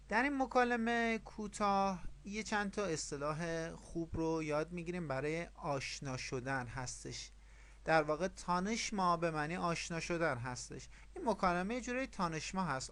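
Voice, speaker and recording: Guy with a kinda high voice teaching a language, goes over the rules again, asks questions as he goes. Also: fairly bright tone. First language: Persian. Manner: explains step by step, repeats rules and asks questions. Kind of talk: online language lesson.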